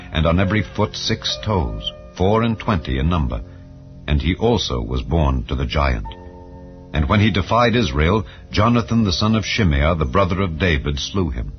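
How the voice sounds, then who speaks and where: A man with a deep, low voice narrates scripture like an audiobook, solemn, measured and declamatory, suited to archaic English. The slightly dull, lo-fi recording has soft background music beneath it.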